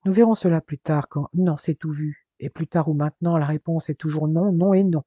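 A man's voice: fairly high pitch, a little fast, dark tone, no echo, lo-fi sound, natural voice. A man voicing a stubborn young woman. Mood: firm. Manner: firm, insistent refusals.

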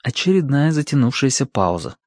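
A man narrating a novel as an audiobook in an even, measured way. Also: mid-range voice, dry recording, studio quality.

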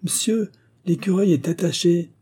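A man's voice: a little high, a little fast, mellow, breathy edge, pitched above the performer's own voice. A man voicing a mocking young village boy who works as a game beater. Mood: jeering. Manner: jeering, cheeky.

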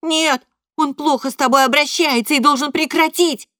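Woman doing a little boy yelling thru tears, high strained voice, dry sound. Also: fairly even intonation, moderate pace, dry recording. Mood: desperate. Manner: shouting, crying. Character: young boy shouting through tears at his father.

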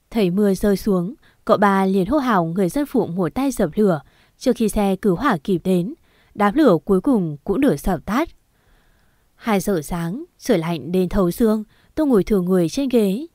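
A woman tells a first-person story in a steady, earnest reading at a middle pitch. The sound is dry and close, with no room in it. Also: no echo. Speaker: narrator. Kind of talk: scripted story narration.

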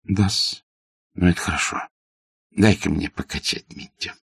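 A man's voice: sits low, fairly even intonation, measured pace, gravelly, fairly bright tone, slightly rough, dry recording, heavily acted. A man voicing a kindly, shy middle-aged landowner in a storybook reading, speaking mildly. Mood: gentle.

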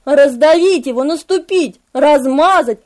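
A woman's voice: high voice, a little slow, a little mellow. A woman doing frantic undead male servants.

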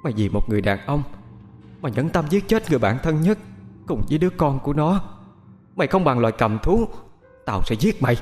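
A man's voice: fairly high pitch, very animated, fairly quick, long pauses, darkish tone, faint music behind, pitched above the performer's own voice. Guy doing an angry grieving ghost mom, raised voice, ghost story. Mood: fierce. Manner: raised, fierce, anguished. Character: vengeful ghost mother, grieving and fierce.

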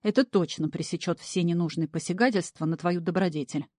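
A woman's voice: lowish voice, a little fast, a little mellow, no echo, close to an everyday voice. A woman voicing the narrator's friend, a young man with a dry, encouraging manner.

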